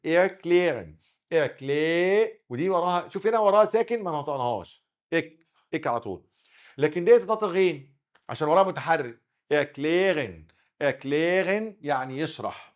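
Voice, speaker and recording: A man with an Egyptian Arabic accent teaching a lesson, who drills pronunciation by repeating words with sharp stresses. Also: a little high, expressive, quick pace. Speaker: German teacher. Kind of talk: recorded classroom lesson.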